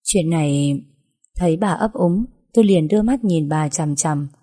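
Husky young woman narrating. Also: on the low side, normal speed, mellow. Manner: chatty, emotional, playful asides. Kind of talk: first-person audiobook narration.

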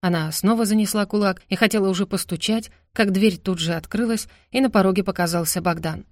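A woman's voice: mid-range voice, a little fast, dry recording. Woman narrating a novel, dry sound. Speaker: audiobook narrator.

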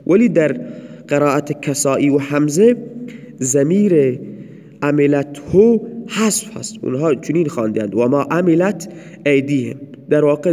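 A man giving a slow, deliberate audio grammar lecture as a teacher, repeating each example twice. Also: on the high side, mellow, long reverb tail.

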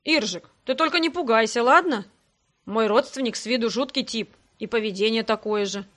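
Audiobook: upbeat young lord, relaxed and friendly, voiced by a woman narrator in a fairly high register. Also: moderate pace, lightly acted. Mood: breezy. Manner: breezy and reassuring. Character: brisk cheerful young man, easygoing lord. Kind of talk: audiobook character voice.

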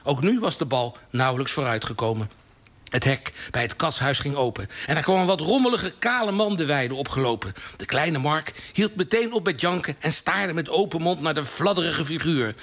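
A man's voice: fairly high pitch, moderate pace. Een man van in de vijftig uit Nederland die op een levendige, theatrale manier een kerstverhaal voorleest. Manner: animated, theatrical reading with lively voiced dialogue. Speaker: columnist reading a Christmas story. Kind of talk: scripted storytelling read aloud. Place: live radio broadcast from a hall.

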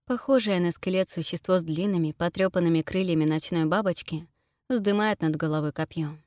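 A woman's voice: lowish voice, a little fast, no room sound, studio quality. Woman narrating a dramatic fantasy. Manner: expressive, dramatic reading. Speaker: audiobook narrator. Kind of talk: first-person fantasy narration.

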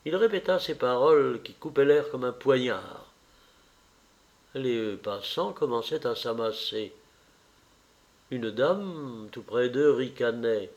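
Lecteur lent et posé. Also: male voice, medium pitch, expressive, darkish tone. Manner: measured, deliberate. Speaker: audiobook reader. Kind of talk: slow literary narration.

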